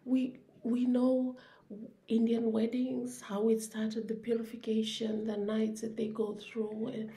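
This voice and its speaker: A middle-aged woman from Fiji with a Fijian accent, explaining things in an informal interview with halting, short phrases and pauses. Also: a little high, little pitch movement, vocal fry, warm tone. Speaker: interview guest, teacher.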